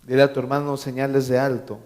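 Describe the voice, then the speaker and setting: A man's voice: medium pitch, monotone, fast talker, a little mellow. A man preaching a sermon as pastor, emphatic, repeating key phrases and quizzing his congregation with joking asides. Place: church.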